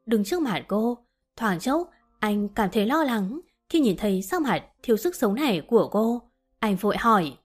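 A woman reading a romance novel aloud as an audiobook narrator, gently voicing both lovers' lines. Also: medium pitch.

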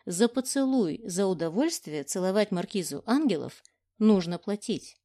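A woman's voice: medium pitch, lively intonation, moderate pace, warm tone. A woman voicing a defiant young heroine in an audiobook, speaking firmly and with resolve. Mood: triumphant. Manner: defiant, firm. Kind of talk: audiobook reading.

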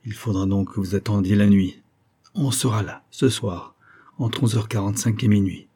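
A man's voice: lowish voice, moderate pace, dark tone. A man reading an audiobook, voicing a haggard male recluse who is convinced he is haunted and speaks with feverish dread.

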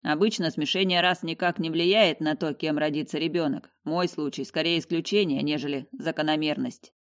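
Brief: calm tired prince with a dry bitter edge, read by a woman, lowish voice, fantasy audiobook. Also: normal speed. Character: weary young prince, calm and wry. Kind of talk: audiobook character voice.

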